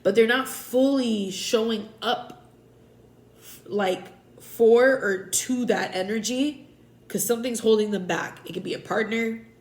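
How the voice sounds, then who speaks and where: A woman with a stuffy nose giving a relaxed, rambling tarot reading, often correcting herself mid-sentence. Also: a little high, unhurried, echoey room, rough recording. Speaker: tarot reader.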